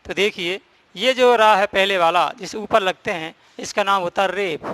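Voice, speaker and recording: Male teacher, high bright voice, dry close sound, step-by-step grammar explanation. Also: normal speed, no room sound. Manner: explains step by step, repeats and stresses key points. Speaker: Hindi teacher. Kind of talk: classroom grammar lesson.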